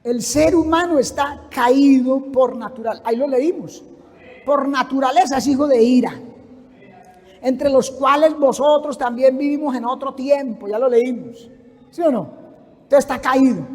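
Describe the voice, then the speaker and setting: A male preacher, giving an impassioned sermon and often shouting. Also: extremely high pitch, measured pace, big-room sound.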